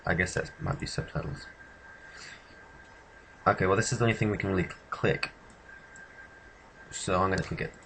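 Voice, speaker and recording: Deep gravelly-voiced man playing a game. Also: fairly even intonation, normal speed, long pauses, fairly bright tone, a little hiss or hum, poor audio. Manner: unsure, thinking aloud between reading game text. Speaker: gamer doing a let's play. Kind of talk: casual game commentary. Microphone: built-in laptop microphone.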